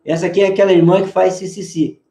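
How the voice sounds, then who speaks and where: A man's voice: high voice, level tone, fast, vocal fry. A man with a Brazilian Portuguese accent teaching guitar on a live stream, coaxing his student through call-and-response drills with playful nicknames. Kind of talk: live online guitar lesson. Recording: roomy echo with faint guitar.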